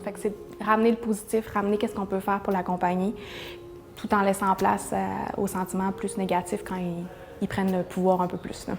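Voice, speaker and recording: A woman's voice: mid-range voice, a little mellow. A woman with a Québécois accent who works at a shelter, answering interview questions in an earnest way. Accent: Québécois French. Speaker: shelter worker.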